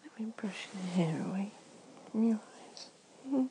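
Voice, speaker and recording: A woman performs an ASMR comfort roleplay, mostly in a hushed, gentle whisper. She takes her time, letting the words come slowly, and her voice sits warm and mellow. A faint room hiss runs beneath her. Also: medium pitch.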